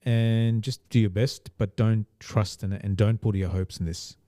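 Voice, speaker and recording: A man talks in a low, mellow voice, rambling through a casual podcast chat. He restarts his sentences often and chimes in with quick agreement. The recording is dry and close. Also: fairly even intonation, no echo. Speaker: podcast co-host.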